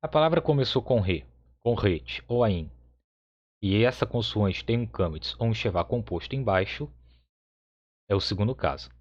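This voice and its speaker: A man's voice: on the low side, lively intonation, normal speed, pauses often. A man teaching a Hebrew grammar lesson, explaining step by step in a patient way and often checking with the listener. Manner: patient, repeats points with frequent "tá?" checks. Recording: slightly dull lo-fi audio.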